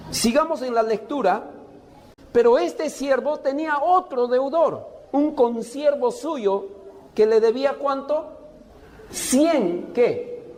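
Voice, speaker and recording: A man preaching in a high, unhurried voice, with long pauses between his phrases. He keeps putting questions to his listeners and then answering them himself. His voice rings out with a long reverb, as if he is in a large hall. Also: darkish tone. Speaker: pastor. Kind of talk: sermon.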